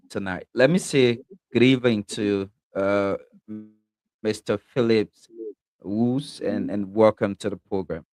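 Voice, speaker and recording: Liberian-accented male TV host, smooth and low. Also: no echo. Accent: Liberian English. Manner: hesitant, with many fillers. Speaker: TV talk show host. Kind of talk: live TV interview hosting.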